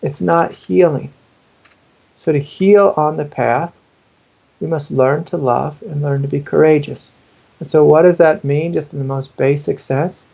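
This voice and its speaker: A man speaks in an earnest, intimate manner as a spiritual teacher being interviewed, with a gravelly edge to his voice. He sometimes slips into the inner voices he describes. The recording sounds dull and lo-fi. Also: a little high, steady tone, measured pace, dark tone. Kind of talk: interview answer.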